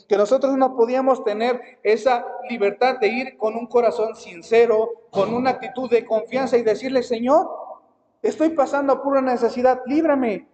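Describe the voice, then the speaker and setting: A man's voice: very high-pitched, dark tone. A man preaching a sermon as pastor, often repeating and restarting words. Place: church hall. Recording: dull lo-fi recording with long hall reverb.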